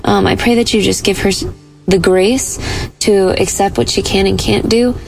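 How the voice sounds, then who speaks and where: A woman praying aloud for a listener in an earnest, gentle way, pausing often with small fillers. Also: medium pitch, fairly even intonation, vocal fry, faint music behind, poor audio. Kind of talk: spoken prayer.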